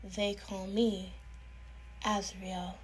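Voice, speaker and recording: A woman voicing a menacing shadowy male villain of the forest in a soft, hushed, taunting voice while telling a spoken fairy tale. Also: medium pitch, level tone, very slow, background noise.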